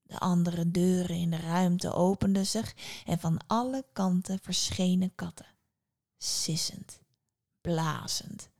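A woman narrating a fairy tale for a podcast, expressive, slowing down and dropping to a hush in tense moments. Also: lowish voice, husky. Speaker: storyteller.

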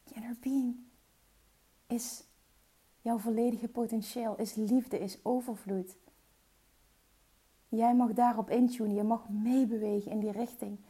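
Earnest, mellow-voiced woman coaching. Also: on the high side, fairly even intonation, a little slow, pauses often, husky. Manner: earnest and coaching, drops into soft whispers; mixes English phrases into her speech. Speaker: entrepreneur and mindset coach. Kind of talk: motivational talk.

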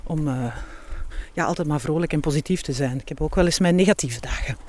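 A woman with a Flemish accent, an author and healthy-lifestyle speaker, is a guest in a casual interview chat. Her voice sits low and is a little mellow, and she talks a little fast. She comes across as candid and expressive.

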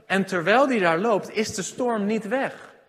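Male preacher, fairly high voice, long hall reverb; sermon that swings from loud emphasis to hushed asides. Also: a little slow.

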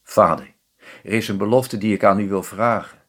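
A man reading a brave young girl from a storybook, earnest and pleading. The voice is slightly husky and sits a little higher than his narration. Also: moderate pace, a bit bright. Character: brave young red-haired girl, loving daughter.

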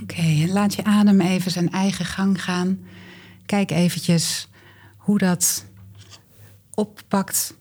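Her voice sitting on the low side, soft and breathy, a woman appears as a guest breathwork coach. She talks listeners through breathing exercises in a calm, unhurried way.

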